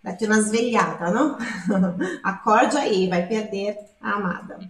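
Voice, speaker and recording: A woman's voice: medium pitch, expressive, a little slow. A woman with a Brazilian Portuguese accent teaching Italian song lyrics, explaining and repeating words to show how they are said. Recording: echoey room, voice from a distance.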